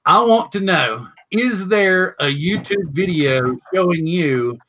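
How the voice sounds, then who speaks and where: A man's voice: high-pitched, lively intonation, a bit bright, a little hiss or hum. A man co-hosting an online chat show, steering the questions and passing turns to the others. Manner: brisk, runs the segment and hands off questions. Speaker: co-host.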